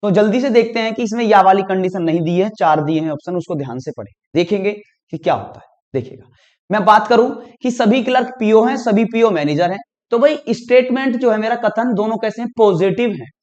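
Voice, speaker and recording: A man with a fairly high voice explains exam reasoning questions to his students one step at a time, often checking that they are following. The recording sounds dull and lo-fi, with the highs cut off. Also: a little fast, a little mellow. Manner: talks students through each step, often says "dekhiyega" and "theek hai ji". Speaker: reasoning teacher. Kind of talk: exam prep lesson.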